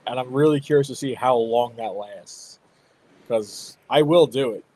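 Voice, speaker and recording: A man in his thirties hosting a casual chat, telling parenting stories in an animated way. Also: mid-range voice, measured pace. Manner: animated storytelling with laughs. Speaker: host.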